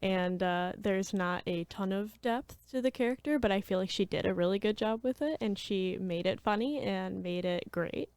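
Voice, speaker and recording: A woman's voice: medium pitch, moderate pace, hardly any pauses, darkish tone, clean tone, no room sound. A woman co-hosting a theatre review, talking in an upbeat, fluent way. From United States. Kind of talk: casual review chat.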